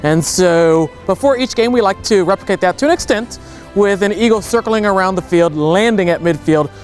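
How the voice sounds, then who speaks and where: A man's voice: high-pitched, normal speed, faint music behind. A young adult man from a raptor center, explaining a tradition in an informative, anecdotal way outdoors on a field. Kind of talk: informative interview answers.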